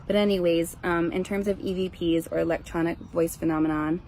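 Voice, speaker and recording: A woman's voice: lowish voice, steady tone, a little fast, a little mellow. A woman ghost investigator talking casually to viewers, explaining in a rambling, conversational way. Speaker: ghost investigator presenting her team's recording. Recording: faint background noise.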